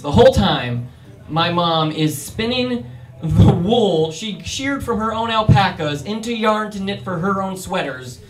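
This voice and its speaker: A young man performing a stand-up comedy set in a club, telling stories with energy and acting out voices. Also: fairly high pitch. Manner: energetic storytelling, acts out voices. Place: comedy club in front of a crowd. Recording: roomy club sound from a distance with audience.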